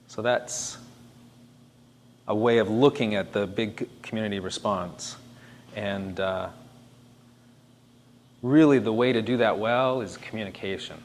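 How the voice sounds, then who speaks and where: A man giving an informal presentation, conversational and emphatic as he thinks aloud. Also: fairly low pitch. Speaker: speaker presenting disaster planning. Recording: faint background noise.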